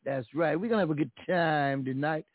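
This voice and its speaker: A man's voice: a little high, no echo. Jive-talking male soul radio host, phone-like sound. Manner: hip 1970s-style slang, drawn-out showman delivery. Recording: narrow, tinny phone-like line.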